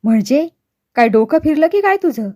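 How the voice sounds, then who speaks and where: A woman voicing a stern, angry older father who shouts and scolds his son harshly. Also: sits high, moderate pace, close to an everyday voice. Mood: furious scolding.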